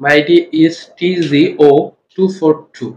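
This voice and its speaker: A young Bangladeshi student answers in very slow, halting English, pausing often to find words. His voice is slightly high. The classroom sound is echoey. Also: darkish tone. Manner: halting English with pauses, occasional coughs.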